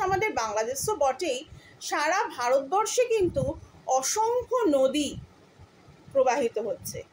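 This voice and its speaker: High-voiced teacher reciting and explaining. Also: female voice, a little hiss or hum, poor audio. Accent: West Bengal Bengali. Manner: slow, sing-song poem recitation and patient explanation. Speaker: primary school teacher. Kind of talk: recited poem and explanation for children.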